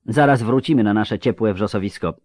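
A man's voice: fairly low pitch, normal speed, a little mellow, no room sound, studio quality, pitched above the performer's own voice, natural voice. A man voicing a weary, self-mocking young woman in a read-aloud story, raising his voice for her. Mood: frustrated, urging.

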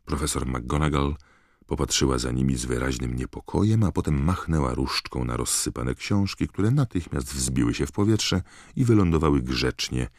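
A man reading a story aloud as narrator, with a gravelly voice. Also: rumbling low, normal speed, darkish tone, no room sound, studio quality. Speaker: audiobook narrator. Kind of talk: scripted narration.

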